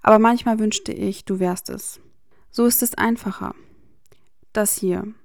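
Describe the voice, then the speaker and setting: A woman's voice: mid-range voice, fairly even intonation, measured pace, vocal fry, no room sound, clean studio sound. A woman voicing a guarded, defiant young man with a clipped, sardonic way of talking in a fan fiction audiobook reading. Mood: resigned.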